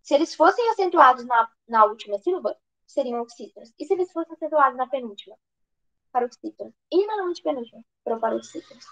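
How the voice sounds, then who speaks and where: A woman's voice: high voice, lively intonation, quick pace, a bit bright, rough recording. A woman with a Brazilian accent giving an online grammar lesson as an exam prep tutor, asking questions and answering them herself, with frequent restarts. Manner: asks and answers her own questions, restarts often.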